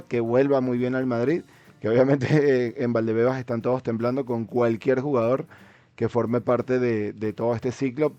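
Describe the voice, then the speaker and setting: A man's voice: mid-range voice, warm tone, no room sound, lo-fi sound. A man in a casual football discussion, speaking as a commentator in a hesitant way, often repeating words mid-sentence.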